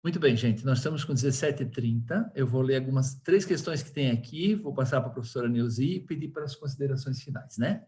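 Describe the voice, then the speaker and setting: A man's voice: medium pitch, fast talker, hardly any pauses, dark tone. A man moderating a webinar Q&A, reading out audience questions with some hesitant restarts.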